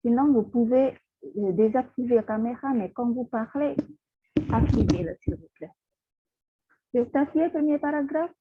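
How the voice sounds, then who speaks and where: A woman's voice: a little high, moderate pace, pauses often, slightly rough, dry recording. A woman teaching a French class online, firmly correcting her students' pronunciation and giving instructions. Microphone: video call. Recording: tinny, dry video-call audio.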